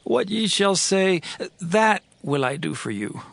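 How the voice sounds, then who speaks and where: Actor as an earnest troubled king, gravelly, high-set, dry close sound. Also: animated, slow pace, a bit bright, dry recording, heavily acted. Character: King David, a troubled, conciliatory older king.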